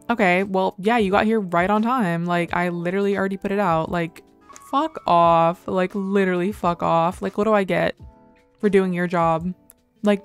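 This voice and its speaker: A young adult woman hosting casual game commentary, chatty and excitable, filling nearly every phrase with "like". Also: on the low side. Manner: chatty, says "like" constantly, excitable exclamations. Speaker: gameplay host.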